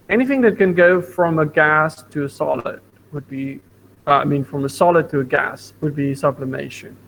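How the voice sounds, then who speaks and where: A man's voice: fairly high pitch, a bit bright, a little hiss or hum, low-quality recording. A man teaching a science lesson to a primary school class over an online video call, patient, repeating points and asking the class questions. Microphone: computer mic on video call.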